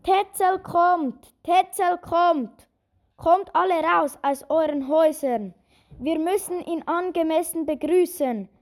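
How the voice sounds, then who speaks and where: Woman acting a medieval townswoman, story figure, excited, loud drawn-out calls, very high pitch. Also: exaggerated voice. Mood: excited calling.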